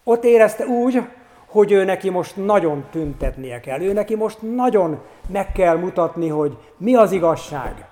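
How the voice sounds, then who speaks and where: A man preaching a sermon in earnest tones, pausing often with hesitant fillers. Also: high-pitched, animated, dark tone, big-room sound. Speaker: pastor.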